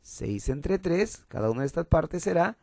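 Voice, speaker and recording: Man, math teacher, patient step-by-step explanation, dry close sound, gravelly tone. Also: fairly high pitch, animated, moderate pace, darkish tone, no room sound. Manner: patient, repeats key steps. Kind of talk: explaining fraction word problems.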